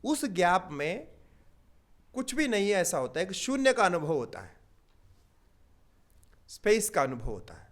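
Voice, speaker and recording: An older man teaching yoga philosophy, explaining patiently with everyday examples and pausing on drawn-out fillers. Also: high voice, very animated. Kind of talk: spiritual teaching talk.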